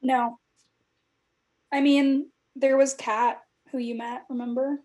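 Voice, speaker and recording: A woman from California in her thirties reads aloud from her old journals in a casual chat. Her voice sits a little high but sounds mellow and warm. She talks in a reflective way and often says "like". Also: little pitch movement, slow pace. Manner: reflective, with frequent "like" fillers.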